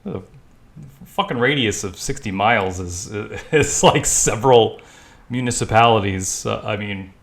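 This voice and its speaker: A man's voice: on the low side, unhurried, vocal fry, a bit bright. A man from Staten Island giving sarcastic, chuckling voice-over commentary on an old talk show clip, with the odd profanity. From Staten Island, New York. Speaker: video commentator.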